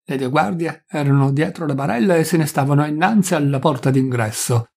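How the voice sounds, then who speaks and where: A man narrating a classic short story, measured and dramatic. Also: a little high, vocal fry, a little mellow, breathy edge. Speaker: audiobook narrator. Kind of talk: literary audiobook reading.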